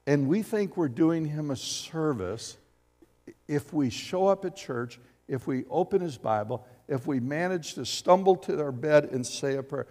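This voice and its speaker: A man preaching a sermon as pastor, animated and acting out quotes as he speaks. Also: on the high side, in a large hall. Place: church sanctuary.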